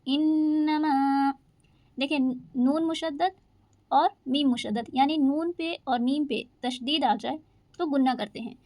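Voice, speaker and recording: A woman teaching Quran recitation rules, patiently explaining each rule and reciting verses slowly. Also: high voice, a little mellow, no room sound. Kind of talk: step-by-step recitation lesson.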